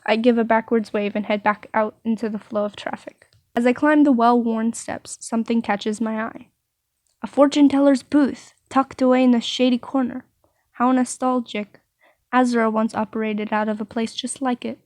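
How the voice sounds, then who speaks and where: A woman's voice: a little high, fairly even intonation, normal speed, darkish tone, dry recording, studio quality. A woman reading a visual novel aloud, with playful asides between narration. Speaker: story reader.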